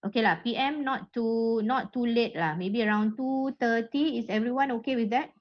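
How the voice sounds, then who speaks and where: A woman's voice: on the high side, normal speed. A woman teacher with a Malaysian accent talks casually to an online class, using colloquial Malaysian slang and tag words like lah and ah. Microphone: online call. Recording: muffled, noisy online call audio.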